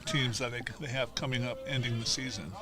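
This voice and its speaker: A man's voice: medium pitch, steady tone, brisk. A man giving casual, conversational baseball commentary and opinions as a color commentator.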